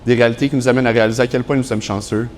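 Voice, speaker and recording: A man's voice: medium pitch, fairly even intonation, racing, slight background noise. A young man with a Quebec French accent delivering prepared wedding vows as the groom. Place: wedding ceremony.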